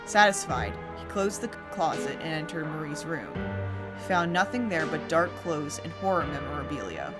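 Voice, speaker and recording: A woman with a low voice narrating a horror story as host, in a theatrical, deliberate storytelling manner over music. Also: very animated.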